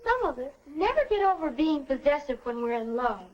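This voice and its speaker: An earnest American teenage girl in a 1950s educational film. Her high voice moves up and down freely, with an eager, wholesome and slightly stagy delivery. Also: sing-song, brisk, dull audio. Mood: curious, reflective.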